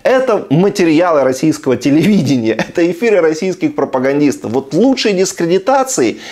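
A man from Ukraine comments on clips in a sardonic, incredulous way. His voice sits fairly high and swings widely in pitch. It sounds like a video blogger talking at home. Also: sing-song, a little fast, a little mellow. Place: room at home.

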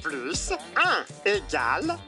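A woman voicing a cheerful, childlike toy robot that eats numbers, speaking in a slow, sing-song robot voice for children. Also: on the low side, wildly swooping pitch, exaggerated voice. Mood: playful. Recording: music playing behind.

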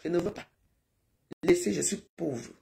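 A woman's voice: lowish voice, measured pace, creaky, dark tone. A middle-aged woman from Cameroon, talking in a rambling, pleading live-stream monologue that repeats itself.

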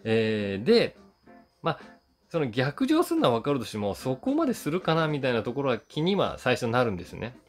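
A man in his forties reviews a film for his YouTube channel, talking casually and emphatically to the camera. He's also a voice actor, and his mid-range voice swoops wildly in pitch at a brisk clip. Guitar music plays behind him.

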